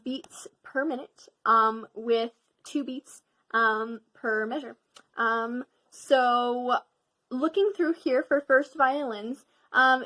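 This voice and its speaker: A woman's voice: on the high side, bright, forceful tone. Chatty teen girl teaching violin. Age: teens. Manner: chatty, many ums, upbeat and encouraging. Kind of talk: casual recorded lesson.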